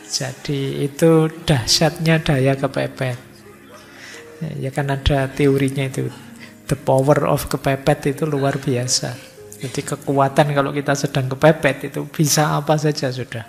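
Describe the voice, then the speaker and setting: Gravelly-voiced man lecturing. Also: mid-range voice, in a large hall. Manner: conversational, jokes, acts out quoted students. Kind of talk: philosophy lecture. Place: mosque hall.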